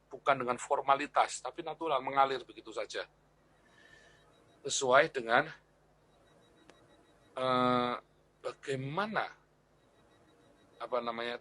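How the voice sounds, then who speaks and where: Bright-voiced man teaching a church class. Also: medium pitch. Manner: chatty, repeats phrases, tags lines with "ya" and "kan". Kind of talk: informal class teaching on the Bible.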